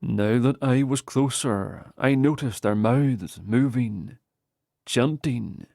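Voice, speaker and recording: Male audiobook narrator, slow steady storytelling, dry close sound. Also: mid-range voice, gravelly, dry recording. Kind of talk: first-person audiobook narration.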